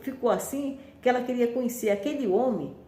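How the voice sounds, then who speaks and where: A woman's voice: fairly high pitch, a little fast, warm tone. Brief: female storyteller, conversational and meandering, recorded in a roomy, echoing space. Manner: rambling, conversational with frequent restarts. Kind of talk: casual folk-tale storytelling. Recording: roomy echo.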